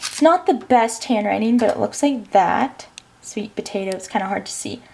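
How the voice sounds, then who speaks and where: Young female cooking vlogger, casual and chatty, voice on the higher side. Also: normal speed, vocal fry, darkish tone, slight background noise. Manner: chatty, talks straight to viewers.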